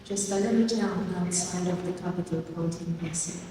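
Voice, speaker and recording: A woman in her thirties with a Congolese accent, a poet reading her work and talking about it, slow and measured with long pauses. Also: lowish voice, noisy background. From Congo, raised in Ireland. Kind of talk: poetry reading and talk. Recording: echoey hall from far off.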